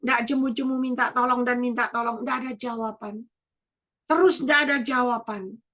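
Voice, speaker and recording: A woman preaching a sermon, repeating phrases and swinging between emphatic rises and quiet drops. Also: a little high, fairly even intonation, normal speed. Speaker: evangelist preacher.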